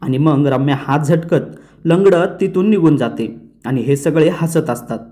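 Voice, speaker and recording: A man retelling a TV serial episode for his viewers. He tells it like a story, turning to the audience now and then. His voice sits a little high. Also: unhurried, mellow. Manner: storytelling, addresses viewers directly. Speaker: episode reviewer.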